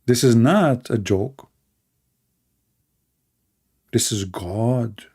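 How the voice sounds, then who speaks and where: Sarcastic man, mellow voice. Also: mid-range voice, extremely slow, breathy edge. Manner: mocking, sarcastic. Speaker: video host. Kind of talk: comedic commentary.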